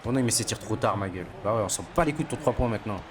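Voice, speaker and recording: A man's voice: on the low side, animated, rapid-fire, background noise. A young man, a gaming streamer, commentating his basketball game in casual, boastful, slangy trash talk aimed at his viewers.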